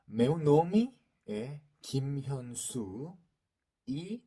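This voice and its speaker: A young man in his twenties from South Korea with a Korean accent, speaking a second language haltingly in a casual interview, often pausing to search for words. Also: medium pitch, animated, warm tone, breathy edge. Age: 20s. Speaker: interviewee, YouTuber.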